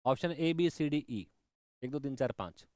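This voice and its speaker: A man's voice: medium pitch, lively intonation, normal speed, a little mellow, no room sound. Man, reasoning teacher, enthusiastic, dry close recording. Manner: enthusiastic, talks to students directly, mixes in English terms. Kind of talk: online exam-prep lecture.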